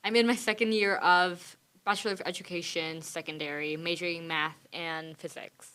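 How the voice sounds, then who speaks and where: A young woman from Vietnam, a student guest who speaks in a bubbly, halting way. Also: fairly low pitch, steady tone, fairly bright tone, clean tone.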